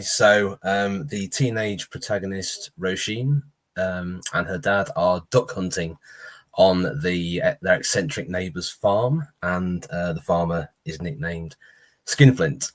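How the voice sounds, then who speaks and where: Reading his own horror fiction aloud at a live short-story event, a man speaks in a very low voice with a husky, roughened edge. He takes his time with the delivery.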